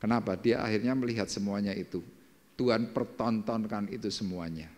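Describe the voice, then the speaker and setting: A male pastor preaching a sermon and telling a story dramatically, swinging between hushed and emphatic lines. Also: on the low side, fairly quick. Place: church service hall. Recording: echoey church hall with faint music.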